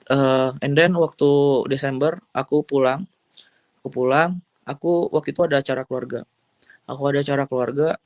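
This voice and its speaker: A man's voice: medium pitch, dry recording. A young man from Indonesia telling his personal testimony in an earnest, emotional way, full of fillers and restarts. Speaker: testimony giver.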